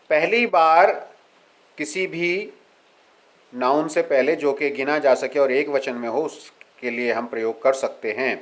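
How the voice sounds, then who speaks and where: A man teaching English grammar, reading examples slowly and explaining them step by step. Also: on the high side, low-quality recording. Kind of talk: explaining a lesson.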